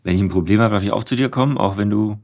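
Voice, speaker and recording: A man's voice: lowish voice, rapid-fire, darkish tone. A man hosting a podcast interview, chatty and teasing. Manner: chatty, teasing interviewer who laughs easily. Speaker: podcast host.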